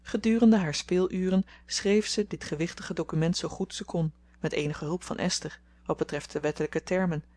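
Steady audiobook reader, middle pitch. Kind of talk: scripted narration of a classic novel.

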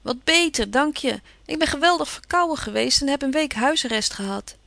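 A shy, lonely teenage boy from a storybook, as a female narrator puts him on, with a hoarse voice and polite manners. The voice runs fairly high and sounds dry and close to the mic. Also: animated, brisk, pushed and bright, no room sound, exaggerated voice. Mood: gloomy.

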